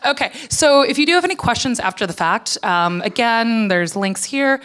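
A woman's voice: a little high, expressive, moderate pace, a bit bright, clear, resonant tone. A woman in her thirties speaking conversationally to an audience in an informal conference talk, often dropping "like" into her sentences. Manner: conversational, peppers speech with "like". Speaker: conference speaker, foundation director. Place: on stage at a conference hall lectern. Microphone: handheld microphone.

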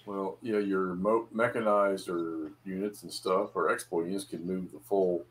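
Low-voiced man explaining game rules. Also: fairly even intonation, moderate pace. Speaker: wargame player. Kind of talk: casual chat.

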